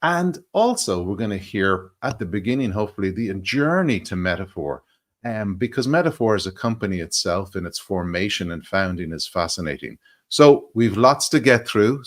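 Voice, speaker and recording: A man with a fairly low voice hosts a casual livestream interview. He talks in a chatty, enthusiastic way and laughs easily as he moves between questions. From Ireland. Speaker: livestream host.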